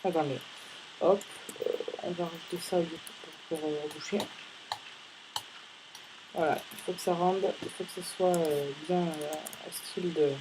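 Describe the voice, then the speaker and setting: A man's voice: a little high, fairly even intonation, measured pace, pauses often, darkish tone, a little hiss or hum, low-quality recording. A male gaming host giving casual, rambling let's-play commentary, chatting playfully with viewers between tasks.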